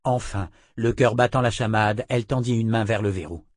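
A man reading a fantasy novel aloud as audiobook narration, measured and expressive. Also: on the low side, no echo, clean studio sound. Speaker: audiobook reader.

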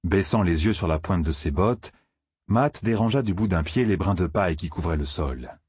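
A man reading a fantasy novel aloud in steady scripted narration. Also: low voice, normal speed, breathy edge, no echo, studio quality. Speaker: audiobook narrator.

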